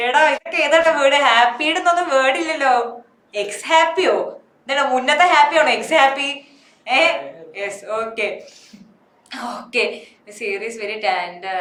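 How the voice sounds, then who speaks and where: A woman's voice: sits high, a bit bright, roomy sound. A woman English teacher with a Malayali accent, teaching an online class and answering her own questions. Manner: asks questions and answers them herself.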